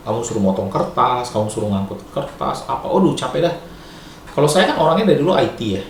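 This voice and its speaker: A middle-aged man from Indonesia giving casual advice as a vlogger, chatty and lively, slipping in Japanese and English words and laughing often. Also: mid-range voice, quick pace. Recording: echoey room, faint background noise.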